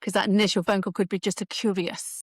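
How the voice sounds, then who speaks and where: A woman's voice: medium pitch, level tone, quick pace, husky, dry recording. A woman recounts a personal family story as host, casual and conversational, often restarting her sentences. Her voice sits in a middle register. She is recorded close and dry, with no room sound. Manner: warm, with frequent restarts and laughs. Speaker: host, the daughter who found her father.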